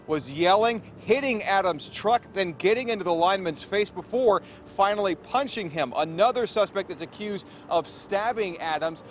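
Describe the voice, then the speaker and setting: A man in his thirties giving a live news report outdoors on a city street as a TV reporter. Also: sits high. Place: outdoors on a busy downtown street. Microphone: handheld reporter mic. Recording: slightly dull sound, faint street noise.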